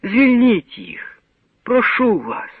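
A man voicing a gentle middle-aged nun who quietly and earnestly pleads, in a dramatic radio reading. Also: very high-pitched, sing-song, takes it slowly, husky, dry recording, pitched above the performer's own voice, heavily acted. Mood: pleading. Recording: narrow old radio broadcast sound.

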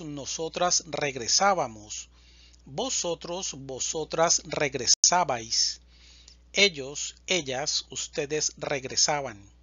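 A man teaching a slow, deliberate verb conjugation lesson, reading word lists with even spacing. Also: fairly high pitch, husky, no room sound, muffled recording. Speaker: Spanish teacher.

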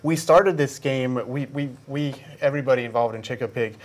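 Male interview guest, 40s. Medium pitch, informal, slightly hesitant storytelling on a studio lapel mic. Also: brisk. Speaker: game creator, interview guest. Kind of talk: casual interview chat. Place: small indoor video studio. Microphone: clip-on lapel mic.

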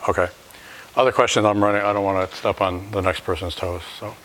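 A middle-aged male lecturer with a lowish voice, speaking in a lecture hall. He thinks aloud as he explains, breaking off and restarting his phrases. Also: steady tone, brisk, a bit bright, slight background noise. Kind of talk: university lecture.

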